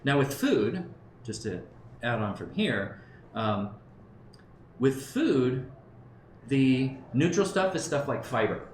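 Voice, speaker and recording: In a conference room, a Southern California man in his fifties gives a conversational presentation to a live audience, often checking in with listeners and thinking aloud. His medium-pitched voice is very animated but unhurried. The recording sounds roomy, with faint background noise.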